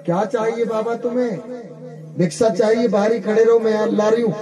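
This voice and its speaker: A preacher putting on a high, fretful village mother. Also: steady tone, a little fast, a crowd in the background, close to an everyday voice. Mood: wary. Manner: pleading, high and insistent. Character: worried protective mother of a baby.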